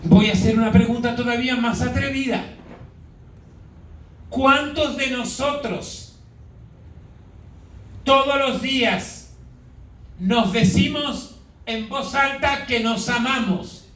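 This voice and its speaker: High-voiced priest in an echoey church. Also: male voice, fairly bright tone. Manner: asks the congregation questions, drawn-out emphasis. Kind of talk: sermon. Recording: echoey hall, mic far off.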